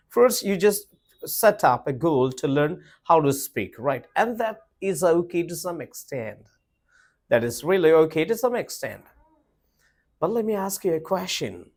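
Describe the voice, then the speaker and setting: A man teaching a lesson, emphatic and repetitive, asking the viewers rhetorical questions. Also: a little high. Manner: emphatic, repeats points, asks rhetorical questions. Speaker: English teacher. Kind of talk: spoken English lesson to camera.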